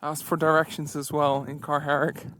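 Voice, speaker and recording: A man's voice: fairly high pitch, level tone, brisk, a bit bright, a little hiss or hum. A man telling anecdotes in a casual, rambling, self-deprecating audio diary while out on a walking trip. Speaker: travel vlogger on a solo walking trip.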